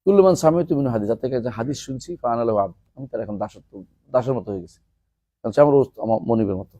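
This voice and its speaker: Man, classroom teacher, mellow dark tone, quizzes students, slow Arabic recitation. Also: mid-range voice, slightly rough. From Bangladesh. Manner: asks students questions and explains term by term; recites Arabic verses and poetry slowly. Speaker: teacher of an Islamic text class. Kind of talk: classroom lecture with questions to students.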